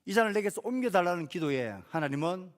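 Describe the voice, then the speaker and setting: Here the pastor's voice sits high and sounds animated as he gives his sermon with measured control. He stresses key phrases, lets lines fall away gently, and questions the congregation rhetorically.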